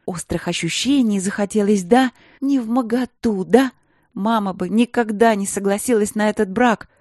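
A woman voicing a furious, grieving teenage princess who hurls shrill accusations at her sisters. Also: moderate pace, a little mellow, no room sound, clean studio sound, lightly acted.

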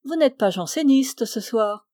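Une femme lit les répliques d'une jeune femme taquine mais hésitante, d'une voix douce, dans un livre audio. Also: female voice, fairly high pitch, expressive, measured pace, mellow, no echo, clean studio sound. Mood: playful. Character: young woman, teasing yet hesitant. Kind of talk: audiobook dialogue reading.

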